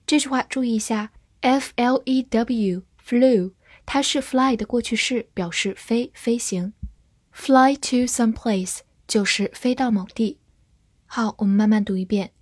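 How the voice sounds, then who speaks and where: Slow, clear woman teaching English. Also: fairly high pitch, no room sound, clean studio sound. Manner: clear, slow, deliberate spelling and model reading. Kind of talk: scripted vocabulary lesson.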